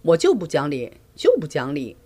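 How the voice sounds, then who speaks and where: A woman voicing her indignant elderly husband, stubborn and touchy, with loud, huffy retorts. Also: a little high, wildly swooping pitch, normal speed.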